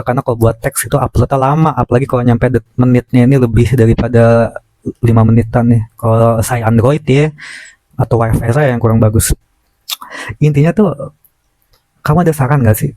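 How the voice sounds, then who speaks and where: A man of forty talks casually and openly to his followers in a mellow, dark voice. He has a speech impediment and cannot pronounce his R properly. The recording is close and dry. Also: medium pitch, no echo, rough recording. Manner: speech can be hard to follow. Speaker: content creator. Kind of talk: casual confessional chat to followers.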